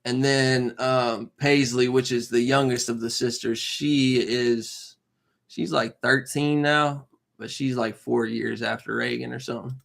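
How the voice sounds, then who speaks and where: A man's voice: medium pitch, fairly even intonation, measured pace, vocal fry, a bit bright. A man in his twenties chatting casually on a live stream, rambling with lots of slang, fillers and "you know what I'm saying.". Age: 20s.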